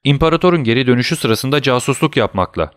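Brief: male reader as a pleading young sailor prisoner, dry close audiobook sound, mid-pitched. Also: animated, fast talker, no room sound, close to an everyday voice. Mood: earnest. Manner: imploring, raised exclamations.

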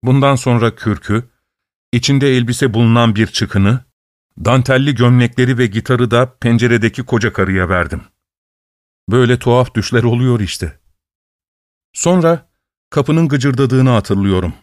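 A man narrating a story in a steady, measured reading voice. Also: medium pitch, dry recording, clean studio sound.

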